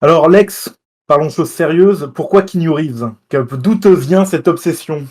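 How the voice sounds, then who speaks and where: A man's voice: fairly high pitch, a little slow, darkish tone. A man hosting an interview podcast, reading a scripted introduction and questions in formal, ornate wording.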